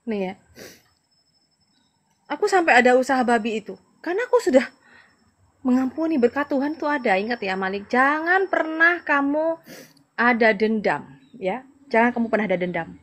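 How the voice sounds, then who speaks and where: A woman's voice: on the high side, lively intonation, normal speed, pauses often. A middle-aged woman from Madura, an evangelist, giving an earnest, emotional personal testimony and advising the listener directly. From Madura, Indonesia.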